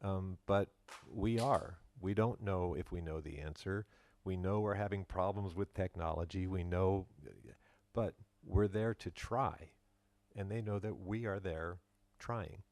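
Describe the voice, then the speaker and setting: A man on an education panel speaking earnestly about teaching, halting and repeating as he thinks. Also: deep voice, a little mellow. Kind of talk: conference panel talk.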